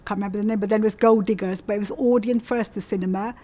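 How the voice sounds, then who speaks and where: Here the woman talks very fast, her voice medium in pitch, steady and dark in tone. She is a community storytelling interviewee in her 60s from South West England, chatting about her past and often stressing points by repeating them.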